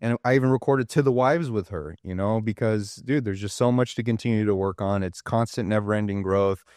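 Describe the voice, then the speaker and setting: Animated man telling his story. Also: lowish voice, a little fast, dry recording, studio quality. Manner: animated storyteller, slangy, says dude and bro. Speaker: podcast guest, recovery center director. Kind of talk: casual conversation.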